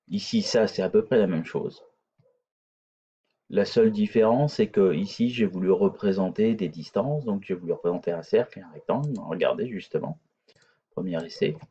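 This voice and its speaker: A man's voice: low-pitched, warm tone, slightly rough, lo-fi sound. A man teaching a hesitant, filler-filled screencast coding lesson, talking through code on screen. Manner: hesitant, many fillers and restarts.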